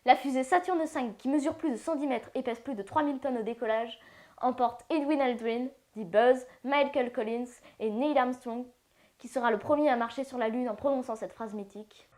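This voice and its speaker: A woman's voice: a little high, moderate pace, a little mellow. A woman narrating a casual educational video, with playful slangy asides. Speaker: science channel narrator.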